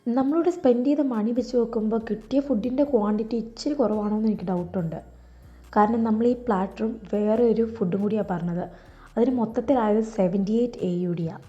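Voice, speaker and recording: A woman's voice: medium pitch, fairly quick, mellow, breathy edge, dull audio. Woman narrating a travel vlog over music. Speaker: travel vlogger.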